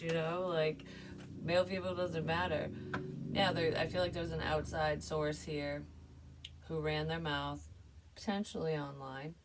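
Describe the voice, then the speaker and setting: A woman's voice: sits low, far from the mic, slight background noise. A woman giving a casual tarot reading, talking in a chatty, rambling way full of fillers. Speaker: tarot reader.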